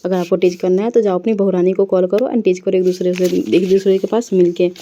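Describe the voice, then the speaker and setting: A woman's voice: fairly low pitch, steady tone, a little fast, mellow, dull audio, a little hiss or hum, natural voice. A woman voicing a young wife who sulks and snaps with hurt pride. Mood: sulky. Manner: sulky, indignant.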